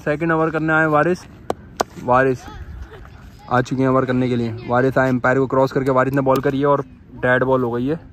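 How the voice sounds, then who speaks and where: A young Pakistani man gives live ball-by-ball commentary on a street cricket match at an outdoor dirt ground, filmed on a phone. His medium-pitched, brisk play-by-play is excited and repetitive, and he calls out to the umpire.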